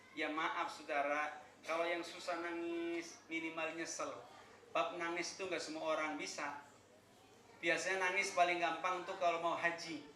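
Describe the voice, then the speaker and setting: Bright-voiced joking preacher. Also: male voice, on the high side, reverberant, rough recording. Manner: joking, storytelling, chants Arabic phrases slowly. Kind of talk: humorous sermon at a thanksgiving gathering.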